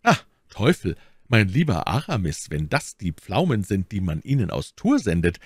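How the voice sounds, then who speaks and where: A man's voice: lowish voice, big pitch swings, normal speed, breathy edge, dry recording, clean studio sound. A man doing d'Artagnan, a bantering young musketeer. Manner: bold, bantering. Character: eager young hot-blooded male musketeer.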